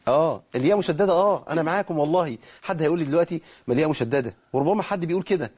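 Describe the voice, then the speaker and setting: A man with an Egyptian accent teaching Quran recitation rules, explaining quickly and slowing down to model drawn-out words. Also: a little high, expressive, a little mellow, breathy edge. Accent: Egyptian Arabic. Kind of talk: tajweed lesson, explaining and demonstrating.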